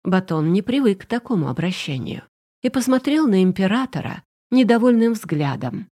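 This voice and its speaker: A woman narrating a romance novel audiobook in an even, storytelling manner. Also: medium pitch, normal speed. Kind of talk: scripted narration.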